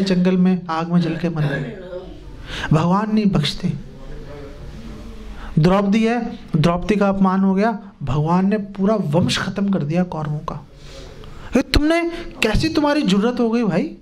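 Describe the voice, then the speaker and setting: A man, a spiritual teacher, telling a sermon story to a live audience, animated and joking with his listeners. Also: high voice.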